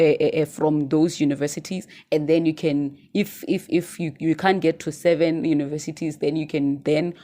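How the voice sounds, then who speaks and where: Low-voiced woman vlogger. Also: mellow. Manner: chatty, ends points with "right?"; many fillers and restarts. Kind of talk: informal advice monologue.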